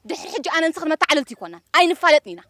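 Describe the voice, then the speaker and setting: Brief: actress playing a high, fast-talking sitcom woman, dry sound. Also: sing-song, sharp tone, dry recording, heavily acted. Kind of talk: sitcom acting.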